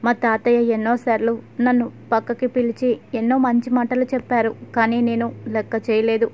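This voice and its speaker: A regretful young husband speaks quietly of his mistakes, as a woman narrator puts him on. The voice stays high and flat. The recording is dull and lo-fi. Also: moderate pace, close to an everyday voice. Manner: regretful, subdued.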